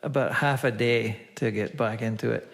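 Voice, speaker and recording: A man with a Scottish accent softened by years in America, a native Scots speaker, chattily introducing songs and explaining dialect words as a singer at a concert. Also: medium pitch, steady tone, moderate pace, vocal fry. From Aberdeen, Scotland. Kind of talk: casual spoken introduction between songs. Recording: long hall-like reverb.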